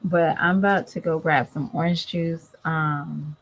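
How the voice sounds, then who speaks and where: With a low, steady voice and a slightly slow pace, a woman chats casually with her vlog viewers, addressing them directly. She sounds tired and congested.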